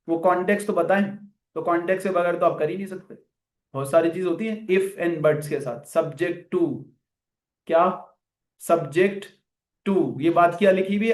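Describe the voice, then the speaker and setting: A man lecturing students in a classroom, animated and full of rhetorical questions. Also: sits high, reverberant. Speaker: finance lecturer.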